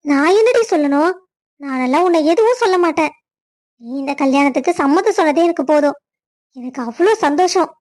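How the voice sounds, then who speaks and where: A woman's voice: high-pitched, lively intonation, fairly quick, a little mellow. A woman voicing chatty mothers and aunts in a family cartoon, fussy and affectionate. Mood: warm. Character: chatty family women, mother and aunt figures. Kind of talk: cartoon voice acting.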